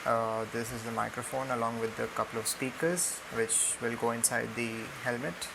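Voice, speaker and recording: A young man with an Indian accent casually narrates an unboxing and tutorial while on a room floor indoors, hesitant and full of ums. His medium-pitched voice is very even, creaky and fried, at a moderate pace. The homemade recording carries a clear, steady hiss.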